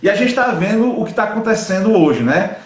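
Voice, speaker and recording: A man's voice: sits high, expressive, fairly quick, echoey room. A man, a pastor hosting an interview, asking long questions in a hesitant way, often restarting his phrases. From Northeast Brazil.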